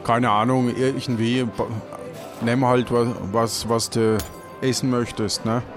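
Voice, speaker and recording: A man plays a part in an improvised audio play, riffing casual comic adventure dialogue in a colloquial, bossy manner. His mid-range voice is level in tone and a little slow, with music behind him.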